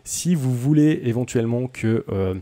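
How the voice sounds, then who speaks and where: A man's voice: mid-range voice, normal speed, dark tone. A young man hosting a casual coding tutorial, chatty and self-deprecating, with many hesitations.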